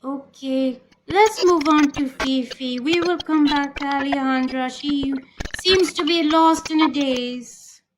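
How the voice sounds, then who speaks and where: A woman doing a syrupy, high talk-show host. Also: noisy background. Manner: sweet, drawn-out, calls guests darling and honey.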